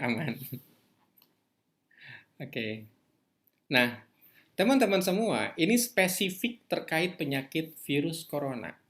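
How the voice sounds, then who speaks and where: A man's voice: mid-range voice, vocal fry. Guy giving an online class, keeps asking if folks get it, repeats key words. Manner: asks the audience questions and repeats key words; slows to a quiet, drawn-out voice for prayers. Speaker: online course teacher. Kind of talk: online lecture.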